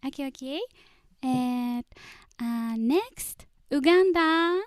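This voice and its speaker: A woman's voice: sits high, animated, takes it slowly, dry recording, studio quality. A woman hosting an online event, calling up guests with short repeated cues and thanks. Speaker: host.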